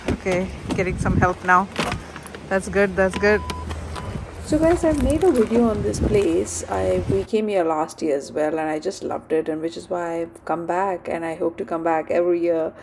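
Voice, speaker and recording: A middle-aged Indian woman vlogs her travels on a phone camera held at arm's length, moving between a car, the outdoors and a small cottage. She rambles in a relaxed, chatty way with lots of fillers and restarts, her voice fairly low at a normal speed. Car and outdoor noise is clearly picked up.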